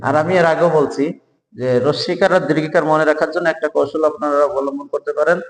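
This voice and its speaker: A man teaching spelling for job exams, who spells each word out slowly, letter by letter, and urges viewers to subscribe. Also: a little high, steady tone. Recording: echoey room with long reverb.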